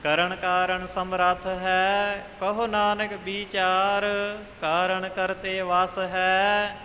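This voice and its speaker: Man, high even chant, very slow, bright tone, long hall reverb, faint hiss. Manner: measured, melodic chanting in short phrases. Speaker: scripture reciter. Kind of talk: slow chanted scripture recitation.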